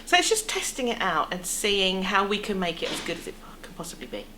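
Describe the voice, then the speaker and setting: A middle-aged Englishwoman, a theatre producer, is interviewed casually in the seating area of an indoor theatre foyer café, explaining things in a chatty way. Her medium-pitched voice moves briskly with big pitch swings, and background room noise is clearly audible.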